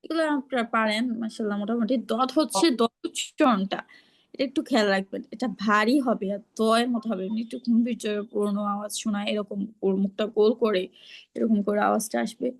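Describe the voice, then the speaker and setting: A woman's voice: on the high side, quick pace. A woman teaching pronunciation in an online class, patiently explaining and modeling each sound over a video call.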